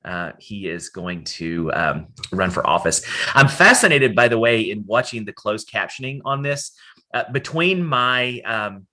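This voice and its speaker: Man, Appalachian accent, bright forceful tone, informal online presenter, discursive, folksy academic wording. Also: on the low side, animated, a little slow. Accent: Southern Appalachian. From Southern Appalachia, United States. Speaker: academic presenter, college dean. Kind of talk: informal online talk to participants. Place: at home, on a video call.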